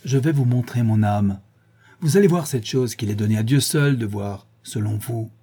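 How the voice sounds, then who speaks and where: A man's voice: medium pitch, normal speed, warm tone, husky, lightly acted. A man voicing a proud, mocking young male dandy who speaks with scornful insolence, in a storybook reading. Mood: defiant.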